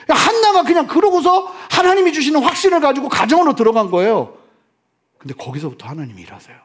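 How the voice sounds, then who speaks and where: A middle-aged man preaching a sermon as pastor, swinging from loud exclamations to hushed near-whispers. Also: very high-pitched.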